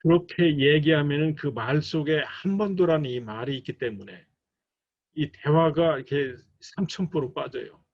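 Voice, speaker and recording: Male church instructor and couples counselor, measured lecturing delivery, acts out quotes, muffled lo-fi sound. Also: fairly high pitch. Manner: slow and deliberate, acts out quoted arguments. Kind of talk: recorded lecture for a training course. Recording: dull lo-fi recording.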